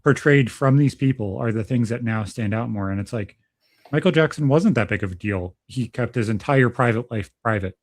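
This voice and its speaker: A man's voice: medium pitch, normal speed. A man in his thirties co-hosting a casual podcast, talking bluntly and swearing freely as he rambles through his thoughts. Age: 30s. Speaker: podcast co-host.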